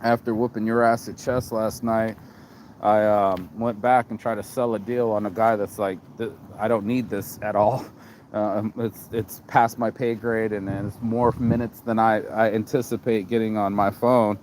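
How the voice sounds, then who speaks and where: A man's voice: on the low side, flat delivery, moderate pace, a little mellow. A tired man from Las Vegas, vlogging in a casual, rambling monologue with profanity and many restarts and repeated words. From Las Vegas, USA. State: tired, low energy. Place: outdoors in a city. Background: street and traffic noise.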